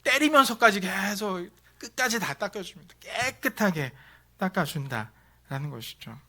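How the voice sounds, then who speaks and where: A male pastor delivering a Sunday sermon in a bright, forceful voice that sits a little high for a man. He stresses key phrases with repetition, building up loud and then dropping to near-hushed lines. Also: animated, normal speed. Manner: preaching with repeated stress and swings between loud and hushed delivery.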